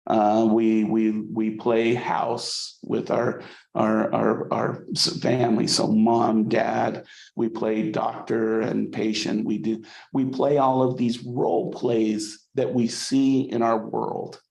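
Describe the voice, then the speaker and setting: A man's voice: fairly low pitch, flat delivery, takes it slowly, gravelly, a little mellow, roomy sound, rough recording. A man teaching a college psychology class in a conversational way, often checking in with the students by asking "okay?". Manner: conversational, frequent "okay?" checks, repeats words when restarting. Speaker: psychology instructor. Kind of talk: college lecture.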